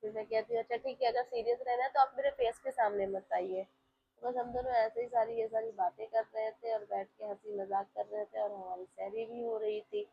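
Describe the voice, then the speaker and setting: A woman's voice: on the high side, lively intonation, fairly quick, creaky, slightly rough. A woman, narrating her day in a casual, chatty vlog voice-over and talking to her viewers directly. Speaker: vlogger. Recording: slightly dull lo-fi with faint home ambience.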